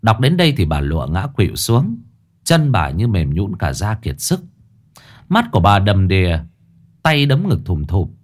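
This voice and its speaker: A man's voice: deep voice, huge pitch swings, normal speed. A man narrating a ghost story with dramatic, scripted delivery.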